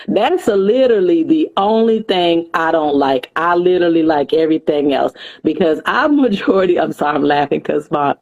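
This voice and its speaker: Woman, lowish voice, animated podcast guest talking shop. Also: lo-fi sound. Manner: animated, acts out broker calls. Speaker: dispatcher guest. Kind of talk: podcast interview chat.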